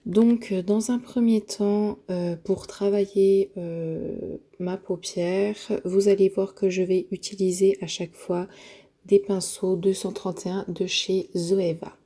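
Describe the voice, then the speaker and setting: A woman narrating a makeup tutorial, hesitant and full of filler pauses, often dropping to a near-whisper while she works. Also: medium pitch, steady tone, dark tone, slightly rough. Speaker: beauty vlogger.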